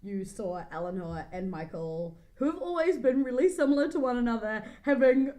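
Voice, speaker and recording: Gushing woman podcast co-host, slightly high. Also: animated, moderate pace, warm tone. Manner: gushing, enthusiastic, steers the talk. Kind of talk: casual chat.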